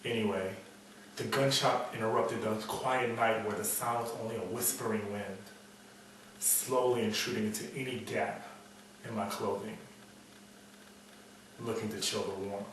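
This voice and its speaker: A man's voice: lowish voice, steady tone, unhurried, pauses often, a bit bright. A man playing a cynical, world-weary private investigator, muttering a bleak noir monologue in a brooding storytelling manner. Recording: echoey room, distant mic, faint noise.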